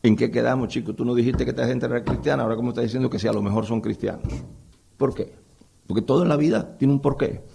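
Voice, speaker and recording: A man's voice: medium pitch, fairly even intonation, fast talker, gravelly, music in the background. A man lecturing on the Bible to a live audience in a conversational way, often putting rhetorical questions to his listeners.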